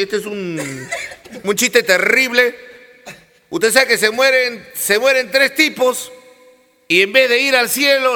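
A middle-aged man, telling jokes in a lively way and laughing at his own punchlines. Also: sits high, in a large hall. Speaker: radio comedian. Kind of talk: joke telling.

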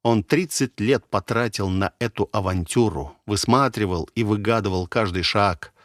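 Male audiobook narrator with a lowish voice, dramatic, measured delivery, dry close recording. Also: a bit bright, no room sound.

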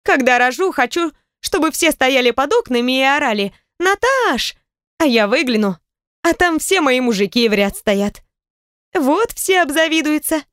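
A woman voicing a lively, bossy, caring middle-aged stepmother in an audiobook, high and animated in her scolding. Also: normal speed, no room sound, clean studio sound. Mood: pleading.

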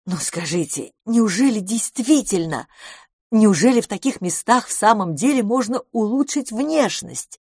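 A woman's voice: medium pitch, expressive, measured pace, a little mellow, slightly rough, no echo, clean studio sound, voice pushed up. A woman doing a timid, flustered governess. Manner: hesitant, breathless, faltering.

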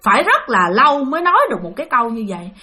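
A woman's voice: a little high, rapid-fire. A woman telling a spiritual story, speaking directly to her listeners. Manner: talks to listeners directly, animated.

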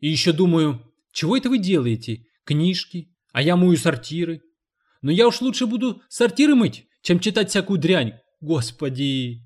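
A loud, scolding cleaning lady who shrieks her outrage and keeps exclaiming to the heavens, as a male reader puts her on. She sounds raised and shrill, voiced with plenty of force in a storybook reading. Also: big pitch swings, moderate pace. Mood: indignant. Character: loud indignant woman office cleaner.

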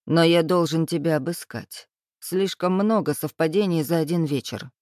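A woman voicing a stern, menacing male club owner who growls his questions slowly, in a mellow, dry reading. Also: low-pitched, dry recording, close to an everyday voice. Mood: coldly mocking. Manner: growling, slow and interrogating.

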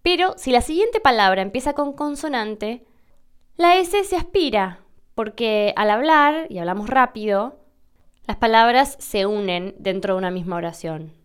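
A young adult woman from Argentina with an Argentine Spanish accent, hosting a podcast and explaining pronunciation slowly and carefully. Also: a little high, lively intonation, clean tone. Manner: slow, careful demonstrations of pronunciation. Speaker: podcast host answering listener questions.

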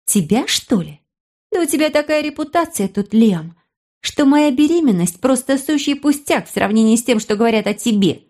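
A woman voicing a defiant, sharp-tongued pregnant teenage girl who snaps back at her brother, in an audiobook. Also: fairly high pitch, animated, normal speed, pitched above the performer's own voice. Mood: indignant. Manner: indignant, snapping.

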